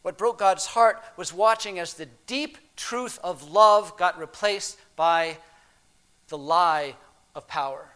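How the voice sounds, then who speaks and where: High-voiced man preaching a sermon. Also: clean tone. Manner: expressive, swings between hushed and emphatic.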